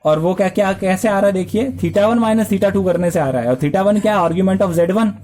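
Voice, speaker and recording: A man's voice: sits high, moderate pace, a little mellow, soft background music. A male math teacher lecturing a class, explaining step by step and asking and answering his own questions.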